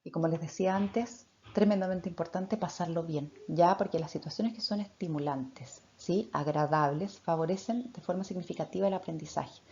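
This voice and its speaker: A woman's voice: lowish voice, normal speed, few pauses, a little mellow. A woman speech therapist, giving parenting advice and often checking in with short tag questions. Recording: slightly muffled with faint background noise.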